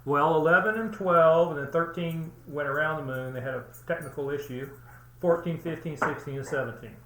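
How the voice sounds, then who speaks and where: A man with a very bright, slightly high voice hosts his own show with a mock-earnest, halting delivery full of uhs. The recording has an echoey room sound with faint background noise. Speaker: channel host. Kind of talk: tongue-in-cheek conspiracy presentation.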